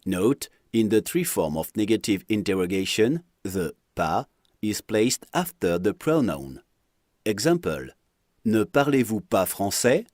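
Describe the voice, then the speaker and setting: A man's voice: on the low side, sing-song, slow, darkish tone, no room sound, clean studio sound. A man narrating a French lesson, reading example phrases aloud with careful pronunciation. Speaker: French teacher. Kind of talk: slow scripted lesson narration.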